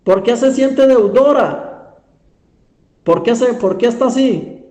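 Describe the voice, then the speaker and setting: Male pastor preaching, high voice, unhurried, emphatic rhetorical questions, echoey church. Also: a little mellow. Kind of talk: sermon storytelling.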